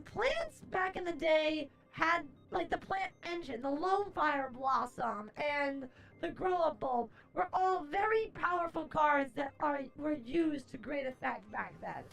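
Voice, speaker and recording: Very high, creaky woman streamer, playful horror-host flair. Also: fairly bright tone. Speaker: livestream host, VTuber-style streamer. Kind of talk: theatrical horror-host greeting turning to casual stream chat. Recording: music behind the voice.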